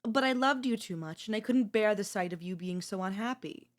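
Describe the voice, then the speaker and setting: A woman performing an ASMR audio role-play as a girlfriend, speaking calmly with a cutting, quietly possessive edge. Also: medium pitch, fairly quick.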